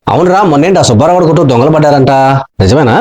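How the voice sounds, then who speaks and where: A man trading quick jokes in a comic question-and-answer skit, teasing with punchline replies. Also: a little high, animated. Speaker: comedian.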